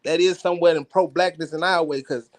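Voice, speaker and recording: A man with a high voice speaks on a podcast panel. He talks in a slangy, laid-back way and keeps checking that the others follow him. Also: fairly even intonation, brisk. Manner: slangy, laid-back, keeps saying "you know what I'm saying". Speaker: panel guest. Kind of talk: casual panel discussion.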